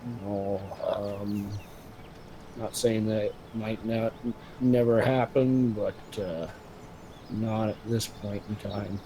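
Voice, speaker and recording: Slow-talking man with a mellow voice. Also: on the low side, fairly even intonation, a little hiss or hum. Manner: slow, hesitant, many ums. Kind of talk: casual stream chat.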